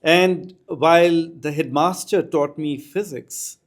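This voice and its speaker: A middle-aged man speaks with an Indian accent in a somewhat high-pitched voice. He is an articulate, reflective storyteller, sharing anecdotes as a podcast guest. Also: steady tone, slow. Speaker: podcast guest, school educator. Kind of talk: anecdotal interview talk.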